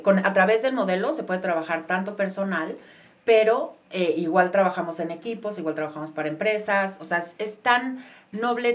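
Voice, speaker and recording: A woman coach speaking as an interview guest, describing her work enthusiastically and piling up adjectives. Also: mid-range voice. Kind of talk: casual interview talk.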